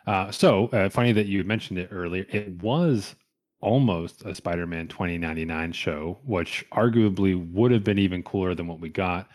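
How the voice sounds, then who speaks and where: A man's voice: low-pitched, moderate pace, darkish tone. A man co-hosting a podcast in casual chat, reading out his research notes with wry, offhand asides. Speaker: podcast co-host.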